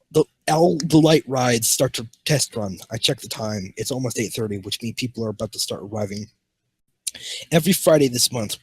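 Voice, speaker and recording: Husky guy reading a story out loud, keeps tripping on words, dry close sound. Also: on the low side, no room sound. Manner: stumbles and restarts words while reading. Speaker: show host reading fan fiction aloud. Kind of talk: comedic dramatic reading.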